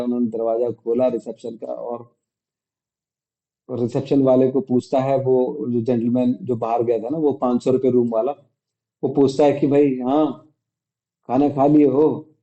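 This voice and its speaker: Dark-voiced man retelling a story. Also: mid-range voice, muffled recording. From India. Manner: chatty retelling, acts out quoted dialogue, mixes English words. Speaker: vlogger. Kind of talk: casual storytelling vlog.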